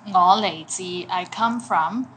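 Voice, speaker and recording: A woman teaching a language lesson, saying each phrase slowly and clearly, then translating it patiently. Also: mid-range voice, fairly bright tone, slight background noise. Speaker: Cantonese teacher.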